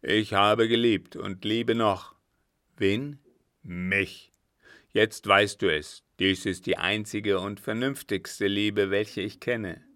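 A man's voice: on the low side, fairly even intonation, slow pace, pushed and bright, no room sound, studio quality. A man voicing a selfish, scheming old man who mocks and bargains in a sardonic, calculating way.

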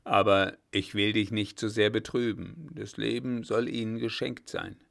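In an audiobook reading, a male narrator voices a blustering old field marshal who booms and scolds loudly. The character is gruff and quick to anger, though beneath the bluster his tone stays low and settled.

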